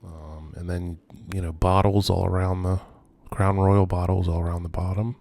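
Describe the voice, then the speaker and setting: Very deep, gravelly man, subdued and halting. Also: little pitch movement, darkish tone, no room sound. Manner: hesitant, halting, musing delivery with trailing phrases. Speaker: video host and urban explorer. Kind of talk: unscripted narrated tour of abandoned houses. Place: on location at night around abandoned row houses. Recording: noisy ambient location recording.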